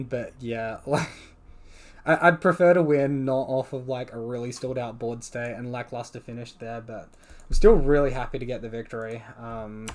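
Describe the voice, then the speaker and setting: A young man giving casual live commentary on his own card game match, thinking aloud about each play and swinging between groans and relieved excitement. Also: medium pitch.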